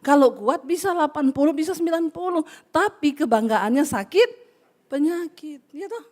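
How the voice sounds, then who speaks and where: A woman pastor with a high voice gives a humorous sermon to a congregation. She speaks to them directly and jokes with them. She acts out little chat exchanges as she goes. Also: expressive, normal speed, darkish tone. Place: church hall with a live congregation.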